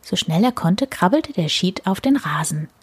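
A woman's voice: on the low side, lively intonation, moderate pace, slightly rough. Woman whispering a children's story. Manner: soft, hushed.

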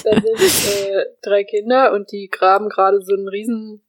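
A woman's voice: mid-range voice, steady tone, normal speed, low-quality recording. Dry-humored young woman chatting casually. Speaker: podcast co-host. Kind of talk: casual chat.

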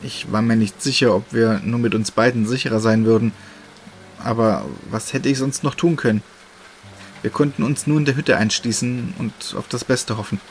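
A man reading a first-person horror story in a measured, steady storytelling voice. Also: medium pitch. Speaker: narrator. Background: faint music.

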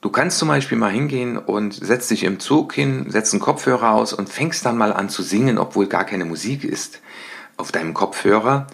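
A middle-aged man hosting a motivational podcast, talking lively and acting out little everyday scenes in changing voices. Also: fairly low pitch, moderate pace, gravelly. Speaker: podcast host and coach.

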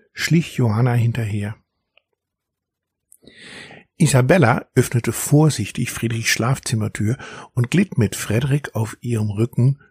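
A man reading a children's story aloud in an expressive storytelling manner. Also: mid-range voice, slightly rough, no echo, studio quality. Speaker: narrator.

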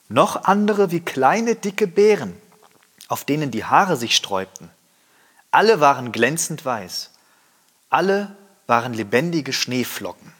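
Husky man expressively reading a fairy tale. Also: mid-range voice, a bit bright. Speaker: reader. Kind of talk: fairy tale read aloud.

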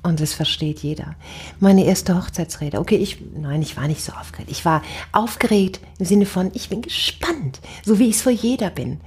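A middle-aged woman chatting about speaking and weddings in a very husky, mellow voice. She tells her stories animatedly, her pitch leaping up and down. The talk is relaxed and conversational. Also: moderate pace. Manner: lively, animated storytelling with big pitch swings. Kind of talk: casual conversation.

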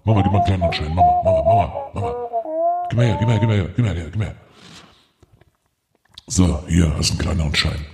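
A man playing a shady young customer who talks in slang, repeats himself and keeps pressing in a hushed, pushy way. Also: low-pitched, very animated, fast talker, vocal fry, pauses often, long reverb tail, over loud music, full character voice.

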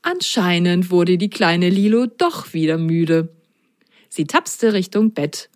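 A woman reading a children's bedtime story aloud in a gentle, unhurried storytelling manner. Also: lowish voice, lively intonation. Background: faint music.

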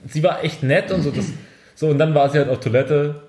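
Podcast guy rambling thru a story, kinda high voice, echoey room. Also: fairly quick, a little mellow. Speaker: podcast host. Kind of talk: casual podcast chat.

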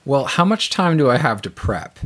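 A man's voice: medium pitch, very animated, moderate pace, a bit bright. A man co-hosting a podcast, joking casually and reading questions aloud. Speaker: podcast co-host. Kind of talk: casual comedic chat.

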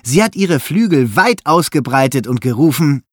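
Husky guy reading a bedtime-style kids story, lively and slow, dry close mic. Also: on the high side, no room sound. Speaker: narrator.

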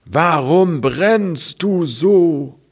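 A man voicing a small talking tree in a storybook reading, in a high wavering singsong. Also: lively intonation, extremely slow, full character voice. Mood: lamenting.

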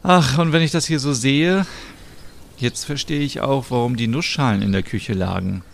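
A man voicing a sweet, soft-hearted young woman who gushes easily. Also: mid-range voice, normal speed, creaky, slight background noise, voice pushed up, lightly acted. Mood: gushing. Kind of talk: voicing characters in a narrated story.

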